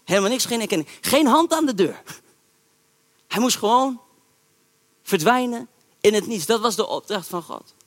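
A man preaching a sermon, retelling a Bible story in a lively, colloquial way and acting out the characters' words. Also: high voice, normal speed, long pauses. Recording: echoey hall reverb.

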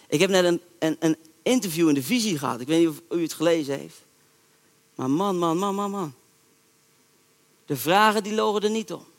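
A man preaching a sermon, retelling a Bible story in a lively, colloquial way and acting out the characters' words. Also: on the high side. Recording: echoey hall reverb.

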